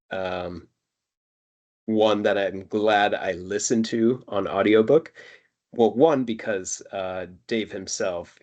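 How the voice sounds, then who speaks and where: A man's voice: on the low side, darkish tone. A man co-hosting a casual album review chat, rambling with fillers. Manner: chatty, lots of fillers and laughs. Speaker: podcast co-host.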